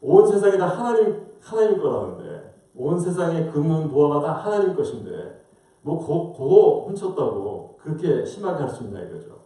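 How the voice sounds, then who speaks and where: A male pastor delivers a sermon with a lively, rising and falling delivery, asking the congregation question after question. His tone is dark and mellow. He sounds distant from the microphone, in a large church with strong echo. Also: on the high side, normal speed. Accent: Korean-American. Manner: rhetorical questions, acts out voices. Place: church sanctuary. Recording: roomy distant church mic.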